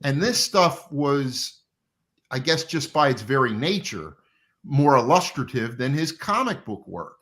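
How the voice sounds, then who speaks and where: A comic book artist, middle-aged or older, tells rambling stories about his working life as a guest in a casual interview full of reminiscing. His medium-pitched voice is very animated yet unhurried, with a fairly bright tone.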